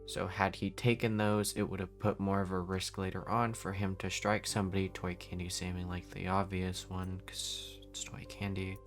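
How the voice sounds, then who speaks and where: A man plays a weary leader working through a crisis in a casual roleplay. His voice sits very low, and he rambles, reasoning aloud and restarting sentences. Faint music plays underneath. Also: level tone, normal speed, few pauses. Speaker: roleplay lead.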